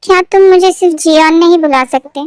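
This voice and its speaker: A woman's voice: extremely high pitch, fairly quick, darkish tone, no echo, clean studio sound. A woman voicing a kind, teasing young woman boss in a fan fiction story read aloud.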